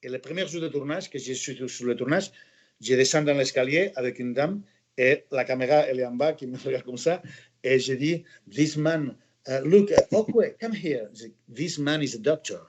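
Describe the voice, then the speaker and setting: A man who is an actor and interview guest, telling anecdotes in a lively way, with many restarts and bits of English mixed in. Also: medium pitch, moderate pace, muffled recording. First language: Catalan. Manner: animated storyteller, many restarts, mixes in English phrases.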